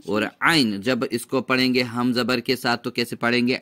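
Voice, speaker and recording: A man teaching a recitation lesson, drawing out sounds slowly for students to repeat after him. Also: medium pitch, flat delivery, pushed and bright. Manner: patient, drawn-out demonstration of sounds.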